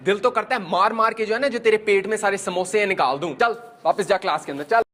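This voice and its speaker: A man's voice: high voice, fast talker, fairly bright tone. A man playing a stern schoolteacher. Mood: angry. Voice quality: stern, scolding. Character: strict angry male schoolteacher. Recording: roomy, distant home video.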